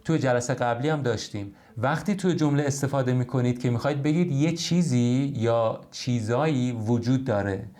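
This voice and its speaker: A man teaching an English lesson, explaining grammar patiently and repeating words slowly for practice. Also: medium pitch, darkish tone.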